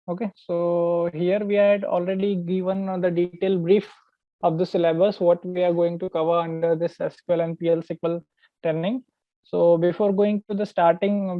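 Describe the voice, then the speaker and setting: A man's voice: sits high, no echo. Thin, dry phone-like audio carries an Indian-accented man giving an online lesson. He explains step by step as a trainer, often restating his phrases. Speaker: database trainer. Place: online call with screen sharing.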